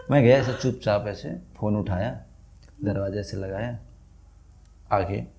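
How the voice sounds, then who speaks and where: A man's voice: lowish voice, takes it slowly, gravelly. A man guesting on a podcast, telling a funny story in casual chat and acting out the lines he quotes. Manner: animated anecdote, acts out quoted lines, laughs a lot.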